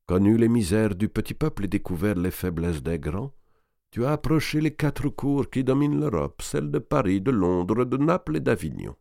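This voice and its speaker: Man as an old banker uncle, slow and calm, low voice, audiobook. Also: vocal fry, no room sound, clean studio sound. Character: old Italian banker uncle, shrewd and fatherly.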